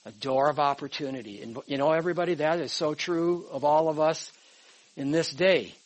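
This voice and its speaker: An older man in his sixties with a notably high voice leads a Bible class from his notes. He talks in an emphatic, conversational way and keeps checking in with his listeners through "all right?" and "okay". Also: brisk, rough recording. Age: 60s. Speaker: pastor teaching a Bible class.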